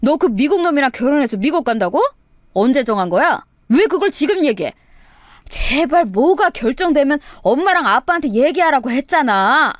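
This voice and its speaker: A woman's voice: big pitch swings, moderate pace, no echo, clean studio sound. A woman doing an exasperated nagging mother. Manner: scolding, fretful, high-pitched outbursts. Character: exasperated middle-aged Korean mother, nagging.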